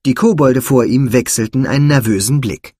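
A man narrating a children's fantasy storybook in a measured, expressive way. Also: medium pitch, breathy edge, no room sound, clean studio sound.

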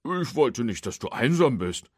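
A man voicing a boisterous, loyal male tow truck who talks loudly in a drawn-out, folksy way. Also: medium pitch, sing-song, husky, no room sound, studio quality, pitched above the performer's own voice. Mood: eager. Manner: loud, drawn-out, folksy shouting.

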